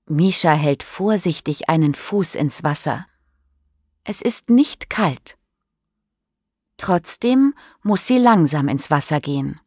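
A woman reading a children's story aloud in a clear, careful way, lifting her voice for the characters' lines. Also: sits low, lively intonation, slow pace, a little mellow, no room sound, studio quality. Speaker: audiobook reader. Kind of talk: scripted storybook narration.

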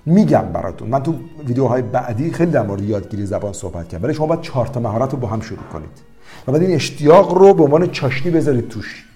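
A man teaching languages, talking in an animated, storytelling way to his viewers. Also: medium pitch, faint music behind. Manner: animated, lively storytelling with quoted voices. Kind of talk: promotional language-learning talk.

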